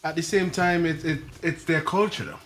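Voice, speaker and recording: A man's voice: fairly high pitch, normal speed, a bit bright. A man, co-hosting a casual panel chat. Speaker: co-host.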